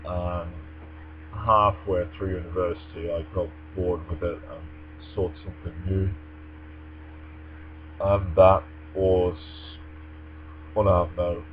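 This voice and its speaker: In a deep, flat voice, a young vlogger takes his time, leaving long pauses as he reads aloud and answers a tag challenge in articulate, formal English. It's captured on a dull lo-fi microphone with mains hum in the background.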